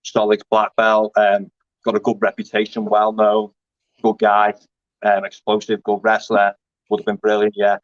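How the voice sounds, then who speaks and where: A man in his thirties talks through his grappling life in a loose, rambling way, full of fillers and restarts. His voice sits fairly low. The audio is dry and a little dull, like a lo-fi call. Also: completely flat delivery, normal speed, dry recording. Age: 30s. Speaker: grappling competitor. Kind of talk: casual interview chat.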